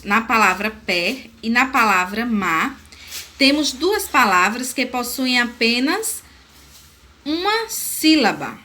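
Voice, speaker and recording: A woman teacher with a Brazilian accent giving a lesson, speaking slowly and spelling words out syllable by syllable. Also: fairly high pitch, sharp tone. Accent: Brazilian Portuguese. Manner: slow, deliberate, spelling out syllables. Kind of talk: recorded classroom lesson.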